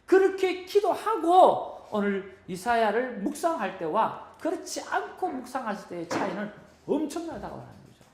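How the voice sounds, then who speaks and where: A woman's voice: fairly high pitch, sing-song, normal speed, a little mellow, roomy sound, a little hiss or hum. A woman teaching at a church seminar, telling stories and earnestly urging her audience. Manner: earnest, storytelling, exhorting the audience. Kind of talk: teaching sermon.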